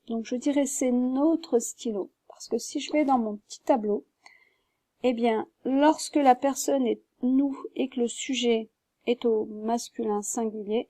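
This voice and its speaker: High-voiced patient French teacher woman. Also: warm tone, dry recording, studio quality. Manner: patient, explains step by step, spells words out. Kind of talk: grammar lesson.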